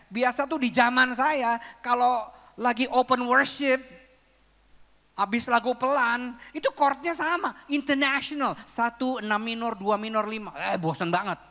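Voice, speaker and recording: Male pastor, high-pitched, humorous storyteller, reverberant hall. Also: normal speed, sharp tone. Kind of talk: sermon. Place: church auditorium. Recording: long reverb of a large hall.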